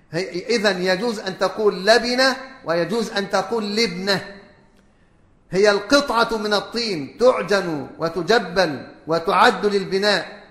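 A man with a high, bright and forceful voice gives a religious lesson to a gathered audience. He spells out terms slowly and repeats words as he explains them. The sound rings around a large hall with a long echo trailing after each phrase. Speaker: religious teacher. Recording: echoey hall with long reverb.

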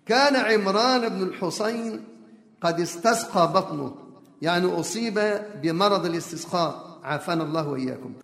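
A high-pitched man preaching in a big reverberant hall. He tells old stories, stops to explain each phrase, and now and then slips into a chanted verse. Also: fairly bright tone. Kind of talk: sermon storytelling. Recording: echoey hall.

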